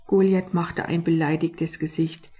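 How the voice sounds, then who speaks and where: A woman narrating her own children's audiobook in a lively, expressive way. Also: low voice, unhurried. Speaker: author and narrator.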